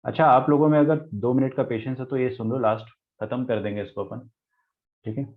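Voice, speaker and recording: A man's voice: mid-range voice, steady tone, a little fast. Man teaching maths over tinny audio. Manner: explains step by step, asks rhetorical questions and answers them. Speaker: math teacher. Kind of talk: online lecture in Hindi-English mix. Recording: tinny phone-like lecture audio.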